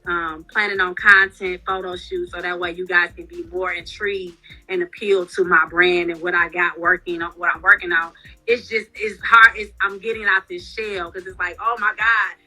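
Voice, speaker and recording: Woman guest, chatty and frank, bright tone, retainers slurring slightly, casual interview. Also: medium pitch, rough recording. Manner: chatty and candid, lots of "you know" fillers. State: wearing retainers that affect her speech. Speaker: guest, reality TV cast member.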